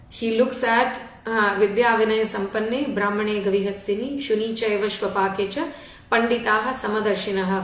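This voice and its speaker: A woman's voice: a little high, recorded from a distance. A woman giving a devotional talk, telling a story conversationally with frequent fillers and restarts. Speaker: devotional speaker. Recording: echoey room, voice off-mic.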